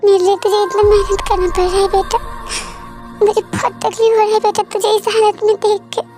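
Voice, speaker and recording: A woman's voice: extremely high pitch, level tone, fairly quick, over music. A woman voicing a doting, emotional middle-aged father who frets over his daughter in an amateur fan audio drama. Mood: fretful. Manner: fretful, emotional.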